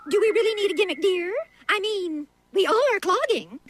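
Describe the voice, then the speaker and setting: A woman's voice: very high voice, a little fast, dry recording. An actress voicing a sweet, genteel cartoon mother, dainty and gushing yet earnest in the way she talks. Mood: gently earnest. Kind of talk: animated cartoon acting. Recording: loud music behind the dialogue.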